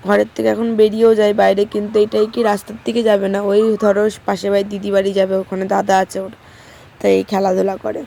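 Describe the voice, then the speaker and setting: A young mother, her voice hoarse and strained, chatting homely and casually to her viewers. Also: medium pitch, completely flat delivery, fast talker, slight background noise. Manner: chatty, homely, soft baby talk with her daughter. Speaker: vlogger, mother. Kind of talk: casual vlog narration to viewers.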